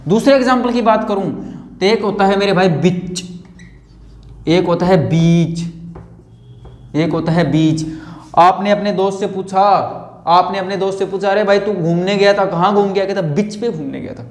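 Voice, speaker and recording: A man's voice: high voice, fairly even intonation, brisk. A man teaching an English lesson in Hindi, chatty and playful, who keeps repeating points and quizzing his students. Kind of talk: informal online lesson. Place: home room recording himself on camera. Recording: echoey room.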